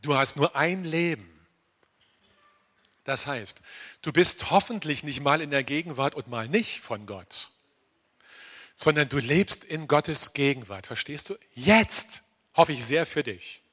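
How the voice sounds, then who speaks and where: Older male preacher, high and bright, punchy sermon delivery with direct questions to the congregation. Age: around 60. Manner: animated, addresses listeners directly with frequent "verstehst du?"; swings between loud emphatic lines and quiet asides, slows down for key phrases. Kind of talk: lively sermon. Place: church congregation.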